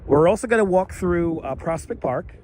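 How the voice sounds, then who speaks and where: A hoarse man with a raspy, faintly squeaky voice, worn from overuse, hosts a livestream while walking through a city park. He rambles at a moderate pace, animated and darkish in tone, repeating phrases and greeting viewers one after another. His wireless lavalier mic picks him up clearly over outdoor ambience and traffic.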